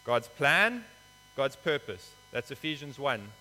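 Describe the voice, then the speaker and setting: A South African man preaches a sermon with scripture reading in a church hall, speaking slowly at medium pitch with big pitch swings and a sharp tone. His delivery is earnest and explanatory, with some hesitant fillers. The recording has hall reverb and mains hum.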